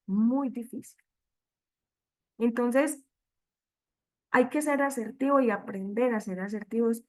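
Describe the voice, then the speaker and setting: Lady teaching catechists over a video call, fairly high voice, talks right to them. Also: a little mellow. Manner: direct, addresses listeners as catechists. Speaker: catechist trainer. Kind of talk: online training talk. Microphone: computer mic on video call.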